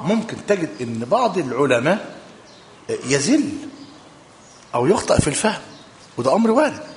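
A man with an Egyptian accent teaching a hadith lesson, reading texts aloud in a measured way and explaining them with colloquial asides. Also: medium pitch, slight background noise. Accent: Egyptian Arabic. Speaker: religious teacher. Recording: echoey hall with long reverb.

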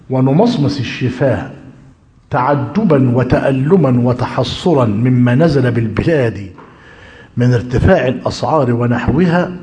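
A man's voice: medium pitch, dark tone, long reverb tail. A man with an Egyptian accent teaching a religious lesson, switching between formal classical phrasing and colloquial talk and checking in with his listeners. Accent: Egyptian Arabic.

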